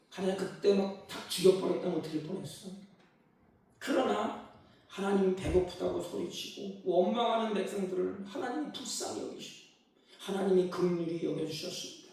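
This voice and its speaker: Preaching man in a booming echoey sanctuary. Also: vocal fry. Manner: emphatic preaching, swings from loud bursts to quiet asides, acts out quoted voices. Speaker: pastor. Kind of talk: sermon. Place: church sanctuary. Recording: very echoey hall, voice from far off.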